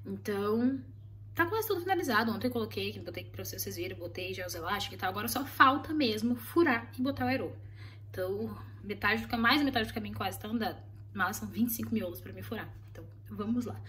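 A woman with a Brazilian Portuguese accent talks quickly and casually in a vlog from her craft studio. She rambles from one thing to the next and keeps checking in with her viewers. A faint hiss sits behind her voice. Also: medium pitch, expressive, a bit bright. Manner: chatty, rambling, often adds "né?" and "gente". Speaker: vlogger running a custom stationery studio. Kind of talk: casual vlog chat to camera.

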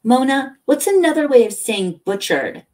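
A woman's voice: lowish voice, steady tone, slow, gravelly, a little mellow, heavily acted. A woman reading aloud and voicing a demanding female realty boss who calls out urgent questions from another room. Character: bossy female real estate boss, intense.

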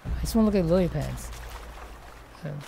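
This is casual live-stream commentary from a woman playing VR at home in a seated headset. Her fairly low, gravelly voice moves briskly with lively intonation, full of rambling, hesitant restarts and thinking aloud, over some background noise.

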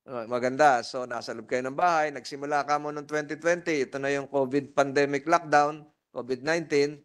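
A man's voice: a little high, steady tone, a little fast, clear, resonant tone. A man chairing a hearing, probing a witness and repeating and rephrasing his questions. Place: legislative hearing room.

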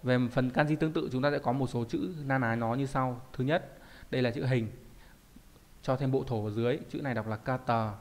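A man's voice: medium pitch, a little hiss or hum. A man teaching a Japanese kanji lesson, explaining in a conversational way and often asking rhetorical check questions.

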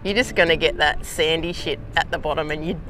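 An Australian woman vlogging outdoors in a casual how-to chat, slangy and relaxed with easy laughs. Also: low-pitched, brisk, over music. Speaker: hiking vlogger.

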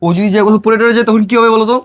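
A man playing a frantic village father, very high voice. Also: completely flat delivery, rapid-fire, no echo, natural voice. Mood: worried. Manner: shouting, accusing, pleading. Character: distraught village father, home after long away. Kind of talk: amateur short film drama.

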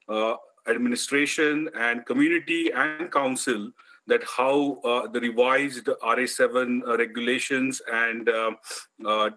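Bright-voiced man, full of "uh" pauses. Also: mid-range voice, rough recording. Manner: frequent "uh" fillers. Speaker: planning consultant. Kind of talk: public hearing testimony.

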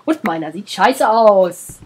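A woman's voice: medium pitch, expressive, slow, slight background noise. A woman with a German accent, sick and under the weather, chatting her way through a let's play, scolding the animals in the game and swearing casually.

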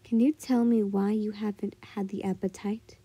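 A woman's voice: mid-range voice, level tone, normal speed, mellow, husky, no echo, voice pushed down. A woman voicing a blunt, probing young female warrior who questions her friend in an amateur story reading. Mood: stern concern.

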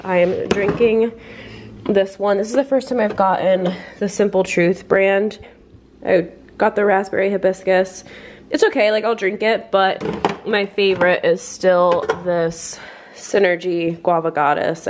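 A woman's voice: medium pitch, darkish tone. A young woman in her twenties chatting casually as she talks through her cooking in a home kitchen, filming herself at arm's length. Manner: chatty, filler-heavy, explaining as she cooks. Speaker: lifestyle vlogger. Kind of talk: casual vlog narration. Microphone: phone or camera held at arm's length. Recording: noticeable kitchen background noise.

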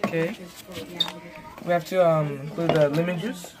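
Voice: medium pitch, steady tone, normal speed, background noise. A young challenge host talking casually to camera, hesitant and stammering. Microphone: handheld phone.

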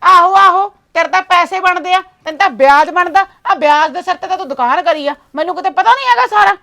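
A woman's voice: extremely high pitch, fast, sharp tone, exaggerated voice. A woman playing a quarrelsome village housewife, bossy and blunt. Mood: scolding. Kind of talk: comedy skit acting.

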